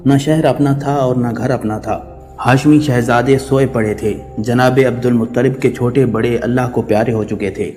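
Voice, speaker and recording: A man's voice: mid-range voice, darkish tone, long reverb tail. A man telling a mournful religious story in solemn, scripted narration.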